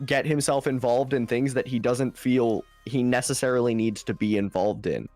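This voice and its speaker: A man co-hosting a casual podcast, explaining things in a measured way. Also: mid-range voice, steady tone, music in the background. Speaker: podcast co-host. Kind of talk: casual chat.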